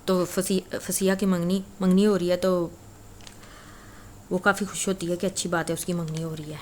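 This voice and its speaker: Low flat-voiced woman storyteller. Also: a little hiss or hum. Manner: chatty, conversational, frequent filler "na". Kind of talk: casual spoken story retelling.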